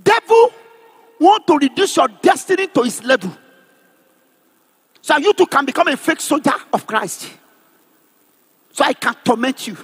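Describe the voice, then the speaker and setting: A man with a Nigerian accent preaching a loud sermon at a youth convention, often shouting and calling on the crowd to repeat after him. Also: very high voice, lively intonation, moderate pace, pauses often, long reverb tail. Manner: preaching loudly with frequent shouts and call-and-response. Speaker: pastor. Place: large convention hall.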